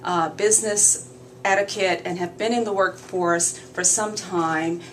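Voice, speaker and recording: A woman from Barbados, a guest author in a radio interview, speaking earnestly and in measured phrases with frequent fillers. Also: fairly low pitch, steady tone, a little hiss or hum, poor audio.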